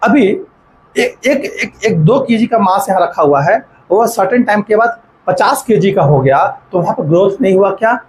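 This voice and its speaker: Male biology lecturer, high voice, quizzing tone, dictates notes word by word. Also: animated, a little hiss or hum, rough recording. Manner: asks rhetorical questions and checks understanding; mixes in English terms while dictating notes slowly. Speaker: biology teacher. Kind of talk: classroom lecture.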